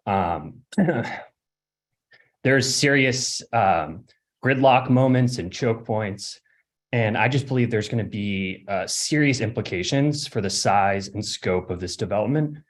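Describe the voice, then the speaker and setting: A young man from Connecticut giving a hesitant public comment at a city hearing over a remote call, with many fillers and throat clearing. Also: on the low side. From Connecticut, USA. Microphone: remote call audio.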